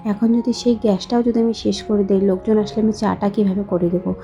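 A young woman with a hoarse voice from a cold, chatting slowly and softly to her viewers in a voice-over for her home vlog. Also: mid-range voice, little pitch movement, soft background music. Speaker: vlogger, housewife.

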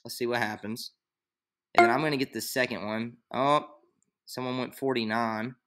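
This fantasy league tutorial maker, a young man in a small room at his computer, explains a draft on screen in a rambling, filler-heavy way, thinking aloud. His mid-range voice is fairly even, bright-ish, and at normal speed, with a little hiss or hum.

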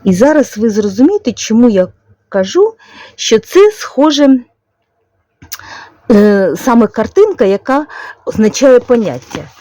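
A woman's voice: a little high, sing-song, dry recording. A woman with a Ukrainian accent, chatting casually and unhurriedly in her vlog and explaining how to draw a character. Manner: chatty and unhurried, with soft diminutives. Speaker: knitting vlogger. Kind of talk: casual chat, explaining calligraphy.

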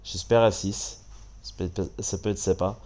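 Congested from a head cold, this French-accented gaming host offers laid-back, chatty commentary on a mobile game, packed with fillers. His voice is low-pitched and he keeps a moderate pace.

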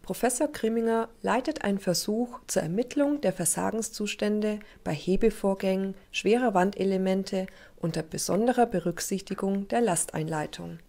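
A woman reporter narrating a trade-event news segment and asking interview questions in a measured way. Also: mid-range voice, gravelly, dark tone. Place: lecture hall event.

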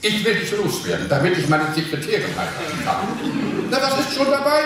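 An actor playing a petulant, henpecked husband in a live comic sketch reading on a theater stage, talking in a blustering, indignant way with chuckles. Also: male voice, high voice, very animated, a little fast, far from the mic. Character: petulant henpecked husband plotting against wife. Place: theater stage before an audience. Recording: echoey, noisy live theater recording from afar.

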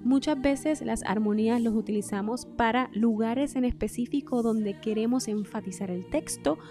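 A woman vocal coach, giving a singing lesson in a clear, instructive way. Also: a little high, normal speed, faint music behind. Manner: clear instructive delivery, demonstrates loud and whispered speech.

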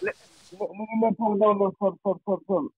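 A man calling in to a show on a muffled phone line that sounds like it comes through a wall, loud and hyped as he shouts people out. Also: sits high, fairly even intonation, very fast, slightly rough, no room sound. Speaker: caller. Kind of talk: casual call-in chat.

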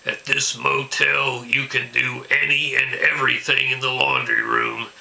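A man's voice: mid-range voice, level tone, a little slow, gravelly, bright, forceful tone, exaggerated voice, poor audio. A man playing an indignant mock-political ranter, declaiming emphatically in a comedic video monologue.

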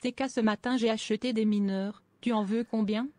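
A synthetic female text-to-speech voice reading out viewer messages in a flat, even way. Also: on the high side, normal speed.

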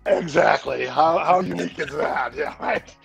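With loud music behind his voice, a newsletter editor in his sixties, regular guest on the show, rambles casually on a webcam video call from his home study, laughing easily and using many fillers. He speaks at a moderate pace, his voice on the high side with vocal fry.

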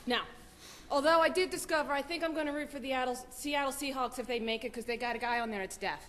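A woman giving lively, chatty announcements to a church congregation, laughing often. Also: high-pitched, quick pace. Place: church sanctuary. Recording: long church reverb.

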